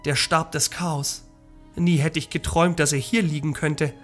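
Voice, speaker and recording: A man's voice: fairly high pitch, fairly even intonation, moderate pace, a bit bright, soft background music, lightly acted. A man voicing a passionate, desperate young queen in a storybook read from a game. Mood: despairing.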